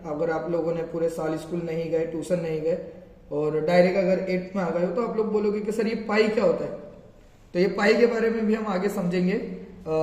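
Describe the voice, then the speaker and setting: A man teaching a maths lesson, repeating terms slowly to drill pronunciation. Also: high voice, a little mellow. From India. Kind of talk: classroom lesson explaining formulas. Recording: echoey room with long reverb.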